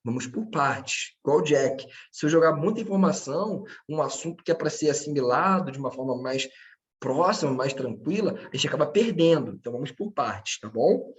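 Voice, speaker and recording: A man's voice: on the high side, animated, normal speed. A man teaching a grammar lesson, patient and checking in with his students often. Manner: speaks to his students directly.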